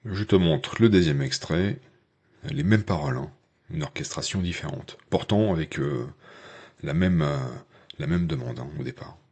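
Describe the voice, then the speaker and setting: A man with a very deep, husky voice walks the viewer through a software tutorial in a loose, chatty way. He hesitates often and fills the gaps with fillers while talking straight to his audience. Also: normal speed. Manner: addresses viewer informally. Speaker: tech channel host. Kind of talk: casual screen-share tutorial.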